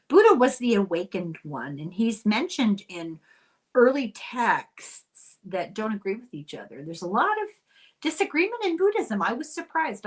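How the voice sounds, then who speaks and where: A woman's voice: medium pitch, low-quality recording. An older woman with an Irish accent hosting a casual explainer, chatty and wry with digressive asides. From Ireland. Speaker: host.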